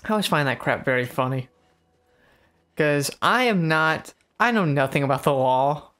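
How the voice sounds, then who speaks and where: A man's voice: on the high side, lively intonation, moderate pace, bright, forceful tone. A man casually chatting while playing a video game, rambling through tangents and laughing often. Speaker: let's play co-host, player. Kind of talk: casual gameplay chat.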